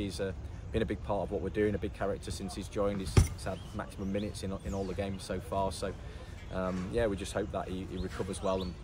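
Man, football manager, post-match interview, lowish voice, loud street noise behind. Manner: measured, frequent "obviously" and restarts. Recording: loud outdoor noise with traffic.

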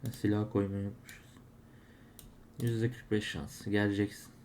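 A man's voice: lowish voice, level tone, normal speed, darkish tone, a little hiss or hum. A man narrating his case openings as he plays, grumbling and exclaiming whenever he loses. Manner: frustrated, exclaiming at losses. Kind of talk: live commentary while opening cases.

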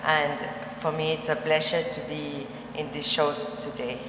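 Low, flat-voiced woman with Argentine accent. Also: noisy background. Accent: Argentine Spanish. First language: Spanish. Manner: halting, searching for words. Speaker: artist. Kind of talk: explaining her artworks. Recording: roomy gallery echo with music.

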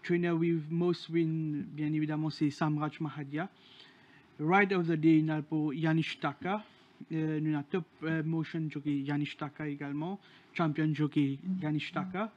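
A man's voice: fairly high pitch, little pitch movement, moderate pace, darkish tone, lo-fi sound. A man co-hosting a racing show, reading out award winners with many hesitations. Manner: hesitant, many fillers while reading a list. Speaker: horse racing show co-host.

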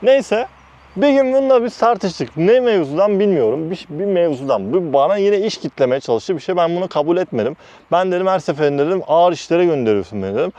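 A man from Turkey telling a heated story about his workplace, blunt and animated, repeating "I said" between quoted lines. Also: high-pitched, brisk, muffled recording. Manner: heated, animated retelling with constant "dedim" between quoted phrases; blunt, uses mild swearing. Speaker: vlogger recounting work experiences. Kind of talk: casual storytelling.

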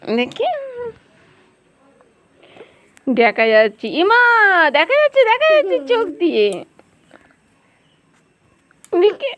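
A woman's voice: very high-pitched, wildly swooping pitch, brisk, dull audio. A young woman cooing affectionately in baby talk to a sulking pet.

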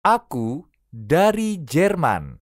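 Slow, lively phrase-drill reader. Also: mid-range voice, no room sound, studio quality. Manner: slow, careful, each phrase repeated three times. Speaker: language teacher.

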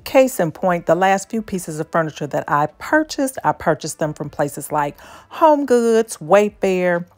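A woman's voice: fairly low pitch, sing-song, unhurried, darkish tone. An older woman narrating a casual shop-with-me video in a furniture outlet store, chatty with folksy asides, recorded on a handheld phone. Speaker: shopping vlogger.

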